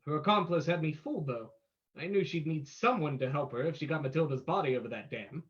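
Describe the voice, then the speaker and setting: A man's voice: a little high, fast talker, lo-fi sound, lightly acted. An actor playing a suave, menacing male vigilante detective in an old-time radio drama, with a theatrical, explanatory manner. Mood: confident, explaining.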